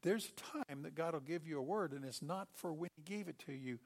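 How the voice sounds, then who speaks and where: Lively preaching man, slightly high voice. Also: fairly quick, vocal fry. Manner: animated storytelling, acting out the characters in his stories. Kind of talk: sermon.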